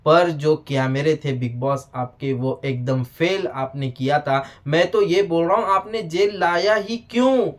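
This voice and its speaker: A man with a notably high-pitched voice talks through a casual video review. He is lively and direct, often speaking straight to the show's producers. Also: measured pace, hardly any pauses. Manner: animated, addresses the show directly, frequent "bhai sahab". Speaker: reality show reviewer.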